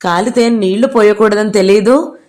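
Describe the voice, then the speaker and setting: A woman's voice: medium pitch, moderate pace, a little mellow, close to an everyday voice. A woman reading a curt stern young man.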